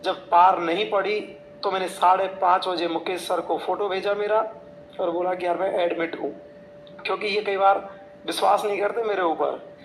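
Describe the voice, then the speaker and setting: High-voiced man telling jokey stories in an echoey room. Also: steady tone, moderate pace, slight background noise. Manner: chatty, jokey anecdotes with quoted dialogue. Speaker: coaching teacher. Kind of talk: motivational storytelling to students.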